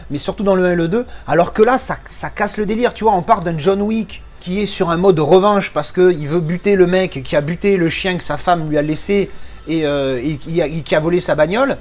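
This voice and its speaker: A man's voice: sits high, darkish tone. A man speaking French as his first language gives a casual spoken film review, ranting and swearing with frequent restarts.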